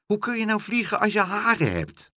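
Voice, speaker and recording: A man's voice: high voice, wildly swooping pitch, moderate pace, sharp tone, no echo, clean studio sound, pitched above the performer's own voice, exaggerated voice. A man voicing a fussy, talkative bird in a storybook, fretful as she explains.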